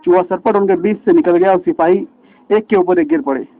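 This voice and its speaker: A man reads a children's story aloud with lively expression. His voice sits high, and the recording has a thin, phone-like sound. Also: brisk, no room sound.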